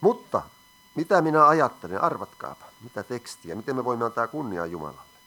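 Male preacher, crisp bright tone, teaching sermon with questions to the room. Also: mid-range voice, sing-song. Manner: asks the audience questions, reads scripture aloud.

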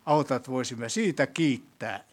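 Male preacher, church sermon, quizzes the congregation, mid-pitched voice, swells to loud emphatic peaks. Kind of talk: sermon and prayer.

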